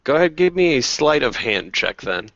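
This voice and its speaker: A young man narrating as game master, relaxed and filled with ums. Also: fairly high pitch, moderate pace, no room sound. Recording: dull dry lo-fi recording.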